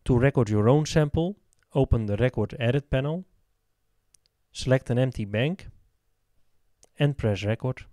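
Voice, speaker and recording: A man narrating a software tutorial, calm and explanatory, with the odd filler. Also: medium pitch, unhurried, long pauses, in a large hall. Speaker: app tutorial presenter.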